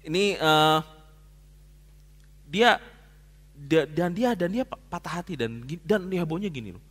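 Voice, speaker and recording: A male pastor preaches in a church hall, his fairly high voice rising and falling with animated swings. He tells a story in casual slang, now hushed, now loud, and long reverb trails each phrase. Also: unhurried. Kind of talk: sermon.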